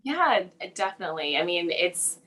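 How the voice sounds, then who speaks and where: A woman's voice: on the low side, very animated, normal speed, fairly bright tone, low-quality recording. A young woman, a children's book illustrator from Hawaii who grew up in Southern California, chatting casually in an interview, giggly and full of "like" fillers. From Hawaii, raised in Southern California.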